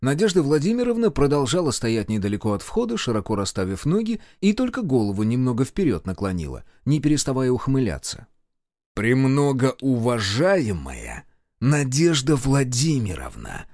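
A male audiobook narrator with a mid-pitched voice and an animated, widely varying intonation. He reads in a scripted, expressive storytelling manner, recorded close and dry with no room sound. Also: fast, few pauses, dry recording.

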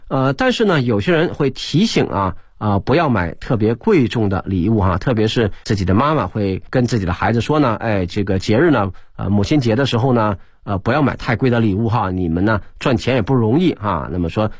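A male teacher giving a radio English lesson. He explains words, spells them out letter by letter, and reads English slowly. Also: mid-range voice, slightly rough, no echo. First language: Chinese. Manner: switches between explanation and slow English reading. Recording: dry studio broadcast.

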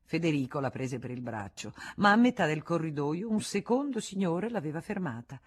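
A woman reading a classic novel aloud in a measured, expressive way. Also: deep voice, breathy edge. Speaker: audiobook reader. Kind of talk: literary audiobook narration.

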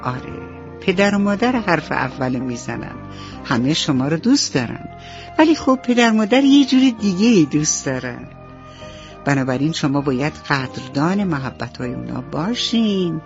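A woman storyteller narrating a children's bedtime story on the radio, gentle and motherly, speaking straight to the children. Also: low-pitched, sing-song, soft background music. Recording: slightly dull radio recording.

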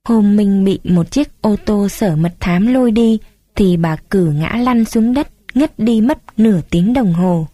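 A woman narrating a story in a calm, measured reading voice. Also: medium pitch, no room sound.

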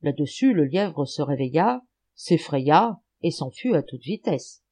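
A woman narrating a folk tale for an audiobook. Her reading is animated and expressive, and her pitch rises and falls widely. The tone stays mellow and dark. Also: a little slow, slightly rough. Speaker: audiobook reader. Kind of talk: storybook narration.

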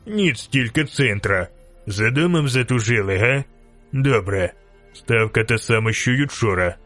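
A man voicing a mocking, bribe-taking male soldier on guard duty in an audiobook, with a slow, jeering drawl. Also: medium pitch, expressive, a bit bright, soft background music.

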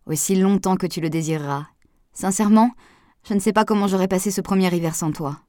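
A woman's voice: medium pitch, fast talker, warm tone, no room sound, clean studio sound, close to an everyday voice. A woman reading a sensible reflective woman doctor.

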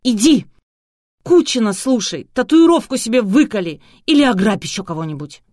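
A woman's voice: a little high, normal speed, mellow, no echo, clean studio sound, pitched above the performer's own voice, lightly acted. A woman doing a shrieking hysterical bride. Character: hysterical disgraced bride, woman, shrill and furious.

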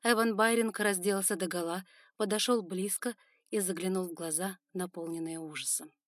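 A woman narrating an audiobook in a steady, even storytelling read. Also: fairly low pitch, normal speed, no room sound, studio quality. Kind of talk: scripted narration.

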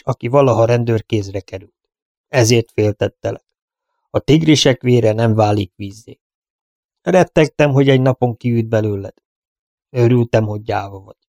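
A man voicing an aging male cowboy guardian, guilt-ridden and fearful, speaking haltingly and often hushed. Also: mid-range voice, gravelly, no room sound, studio quality, natural voice.

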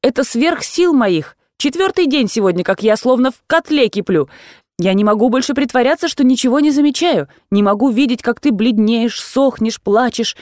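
A woman's voice: on the high side, expressive, normal speed, darkish tone, no echo, clean studio sound, natural voice. A woman reading aloud and voicing an agitated, fussy old aunt who scolds and exclaims in a raised voice.

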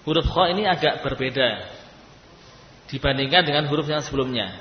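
A man teaching a class to read Arabic letters, who sounds them out loud and explains them patiently. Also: mid-range voice, a little hiss or hum. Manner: patient, demonstrates letters loudly and slowly. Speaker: Quran reading teacher. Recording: echoey hall, dull lo-fi sound.

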